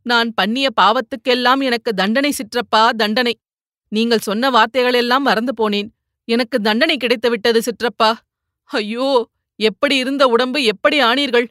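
A woman's voice: a little high, fairly even intonation, normal speed, fairly bright tone, no room sound, studio quality, lightly acted. A woman voicing a remorseful young man who pleads tearfully for forgiveness, in an audiobook reading. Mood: pleading.

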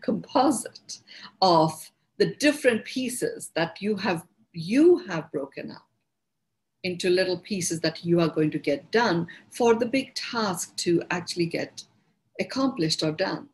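A woman with an Indian accent hosting a podcast, talking through ideas in an unhurried, reflective way and often restarting words as she finds her phrasing. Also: fairly low pitch, animated, low-quality recording. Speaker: podcast host and speaker on personal growth. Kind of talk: reflective spoken teaching.

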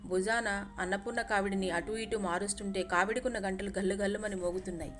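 A woman's voice: medium pitch, fairly even intonation, quick pace, music in the background. A woman storyteller in a polite, chatty narration that speaks directly to her listeners.

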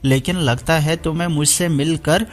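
A man's voice: on the high side, fairly even intonation, moderate pace, natural voice. A man voicing a scheming young woman villain who talks in a sneering, taunting way. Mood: smug scheming.

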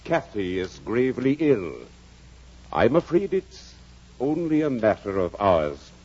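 A man's voice: mid-range voice, sing-song, a little slow, a little mellow, husky. An actor playing a kindly, blunt middle-aged country doctor, dryly witty and fatherly in 1940s radio acting, on a dull old radio broadcast. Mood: grave. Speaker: Doctor Kenneth.

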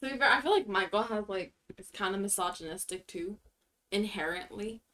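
A woman co-hosting a podcast in casual chat, blunt and quick to swear, who also reads listener stories aloud. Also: mid-range voice, fairly bright tone, slight background noise. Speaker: podcast co-host.

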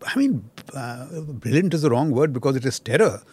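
A man's voice: mid-range voice, expressive, moderate pace, a little mellow, slightly rough, dry recording. An older man with an Indian accent gives military analysis as a panel guest, with emphatic, dramatic phrasing.

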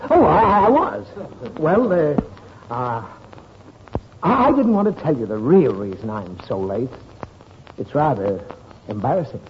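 An evasive husband in a vintage radio comedy, stalling with every excuse. His raised voice bounces up and down. The sound is lo-fi with clear hiss. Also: fairly high pitch, very animated, measured pace, pauses often. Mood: sheepish. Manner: hesitant, evasive. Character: sheepish husband caught out late, fumbling alibis. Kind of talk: 1940s radio acting. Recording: muffled old radio recording with audible hiss.

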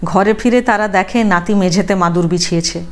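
A woman narrating a short story for a podcast with an even, measured reading. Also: medium pitch. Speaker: podcast reader.

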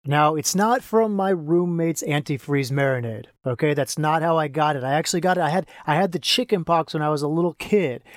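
A man's voice: on the high side, dry recording, clean studio sound. Slightly slurred, numb-mouthed male podcast host. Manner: rambling and halting, repeats himself. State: left side of mouth numb and paralyzed. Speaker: podcast host and men's coach. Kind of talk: casual solo podcast talk.

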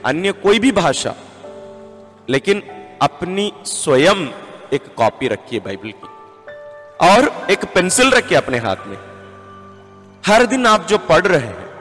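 A man's voice: a little high, a bit bright. A man, a priest, giving an earnest sermon-style talk that counts out its points. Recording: long hall reverb with faint music.

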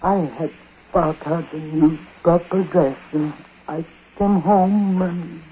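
Slow, dying old man, grim and haunted. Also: a little high, fairly even intonation. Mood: weary confession. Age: older. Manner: halting, weighty delivery in short broken phrases. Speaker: actor in a radio drama. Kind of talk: 1940s radio acting. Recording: muffled, noisy 1940s radio recording.

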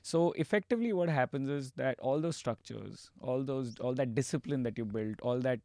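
A man with an Indian accent giving casual, explanatory talk in a halting way as a podcast guest. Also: medium pitch, creaky, dark tone, no room sound, studio quality.

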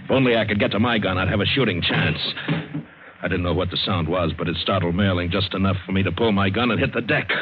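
A low-pitched man speaks quickly with light acting, an American actor voicing a tough, wary, wisecracking seaman recounting his adventure in first person, 1950s radio drama style. The mood is tense and his manner hard-boiled, wry and dramatic. The old radio recording is scratchy, hissy and narrowband.

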